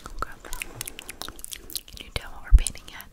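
A woman in her twenties doing a soothing whispered role-play as a face painter, close to the mic, with breathy whispering, tingly mouth sounds and softly repeated words. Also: normal speed. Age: 20s. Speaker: ASMR artist playing a face painter. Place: indoor room at home. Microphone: close to the mic, face near camera.

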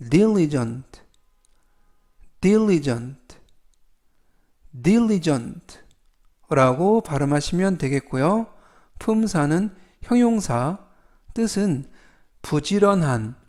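A man's voice: on the high side, darkish tone. A man teaching English vocabulary in a formal, polite way, repeating each word three times and explaining its meaning step by step. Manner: formal polite speech, stretches English words slowly. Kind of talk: slow, methodical vocabulary lesson.

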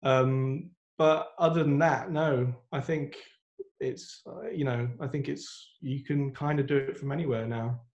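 A man's voice: mid-range voice, a little slow, dull audio. Thirties male guest, laid-back video-call chat, home laptop mic. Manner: relaxed, easygoing. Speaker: guest composer. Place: room at home.

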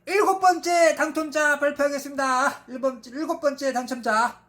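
Hyped giveaway announcer with drawn-out, emphatic calls. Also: sits high, steady tone, fairly bright tone. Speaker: YouTube channel host announcing giveaway winners.

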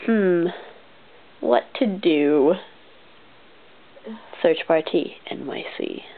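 A woman's voice: on the low side, lively intonation, very slow. A woman hosting a casual vlog with a friend in a bedroom, teasing her and laughing often. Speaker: vlog host. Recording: lo-fi noisy webcam audio, tinny.

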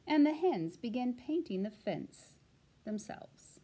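A woman reading a children's picture book aloud in an expressive, animated way. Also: fairly high pitch, slow, a little hiss or hum. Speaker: storytime reader.

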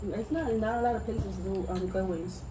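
A young woman chatting with friends over a meal, speaking in a soft, hesitant way. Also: medium pitch, moderate pace. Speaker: guest friend. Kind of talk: casual mukbang chat. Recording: distant from mic, noisy background.

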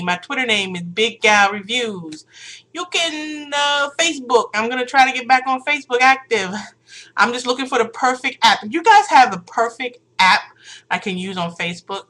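A woman's voice: mid-range voice, pushed and bright. A woman vlogging casually, chatty and sassy, rambling and laughing often. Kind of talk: casual unscripted vlog.

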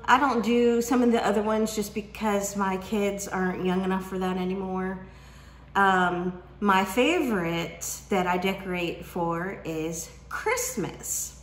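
A teasing book vlogger in her forties chats casually to camera indoors in her home kitchen, slowly drawing out questions with pauses. Her mid-range voice has a fairly bright tone, captured by a camera at desk distance amid roomy kitchen echo.

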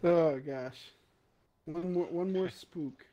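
A young man streaming a VR ghost game with friends, excitable and swearing, laughing often. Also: fairly high pitch, slow pace. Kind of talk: casual gaming chat with friends.

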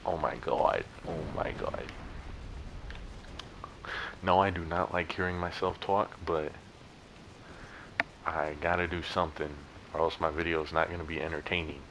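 Brief: young man, very low voice, loose rambling gameplay banter, slight hiss behind. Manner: rambling, joking, yelps and laughs at the game. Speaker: gameplay YouTuber. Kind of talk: casual gameplay commentary.

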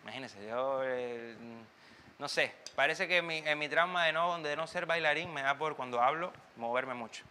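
A man's voice: a little high, moderate pace, bright, forceful tone, in a large hall, a little hiss or hum. A man giving a casual online timbal lesson, chatty and loose, sometimes singing drum patterns aloud while swaying as he talks. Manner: moves and sways while talking. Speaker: timbal teacher.

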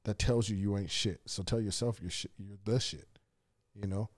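A man's voice: lowish voice, fairly even intonation, moderate pace. A man hosting a podcast in casual chat, motivational and swearing casually. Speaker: podcast host.

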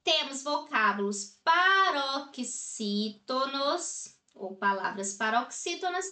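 Slow, bright-voiced woman teaching grammar. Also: sits high, animated, reverberant. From Brazil. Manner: slow, explanatory, checks in with "ok?" and "né?". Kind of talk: recorded grammar lesson.

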